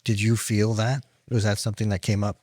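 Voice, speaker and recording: A man hosting an interview, animated and playful, asking probing questions. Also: fairly low pitch, a little fast, no echo, studio quality. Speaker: podcast host. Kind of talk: conversational interviewing.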